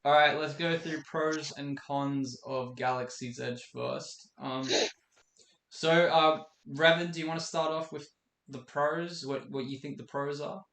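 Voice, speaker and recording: A man's voice: on the high side, steady tone, a little slow, fairly bright tone. A man hosting a casual live stream chat, laid-back and steering the discussion. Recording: echoey room with faint noise.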